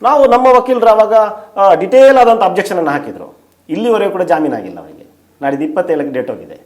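A man's voice: high voice, sing-song, fast talker. A man, a journalist and writer, answering interview questions in detail, emphatic and full of rhetorical questions. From India.

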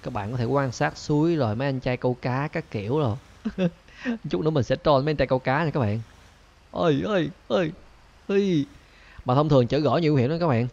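A young man casually narrating a driving game to his viewers, chatty and excitable. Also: mid-range voice, fast, muffled recording. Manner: excitable, chatty, talks to viewers, frequent laughs and squeals. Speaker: gaming channel host. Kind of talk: casual Let's Play commentary.

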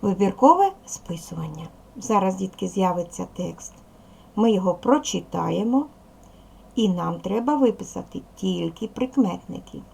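A middle-aged woman teaching a primary class by video, her voice husky with a gravelly edge. She explains slowly and patiently, her pitch moving a lot as she asks the children questions. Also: lively intonation, a little mellow. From Ukraine. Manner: slow, clear, patient explaining. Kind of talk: video lesson for young children.

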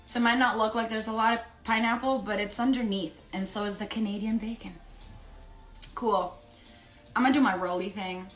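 A woman's voice: fairly high pitch, steady tone, a little fast, roomy sound, soft background music. Chatty giggly woman on a livestream. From South America. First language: Spanish. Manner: chatty, giggly, talks while eating. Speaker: Instagram live host. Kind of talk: casual livestream chat. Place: home room with pet dog. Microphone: phone or laptop livestream.

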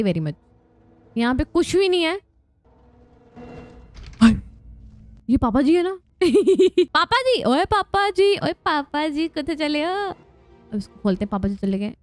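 A woman's voice: fairly high pitch, dark tone. A young woman giving casual, joking gameplay commentary, chatty and prone to squealing laughs when scared. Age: young adult. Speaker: gaming vlogger.

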